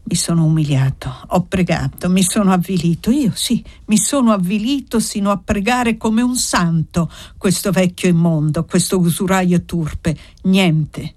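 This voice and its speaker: A woman's voice: lowish voice, a little slow, hardly any pauses, darkish tone, dry recording. A woman voicing a proud, desperate young man in an audiobook, reading with bitter passion.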